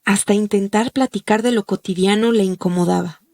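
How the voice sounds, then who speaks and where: A woman hosting a podcast, reading a scripted documentary narration in a measured, explanatory way. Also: medium pitch, steady tone, darkish tone. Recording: faint music behind the voice.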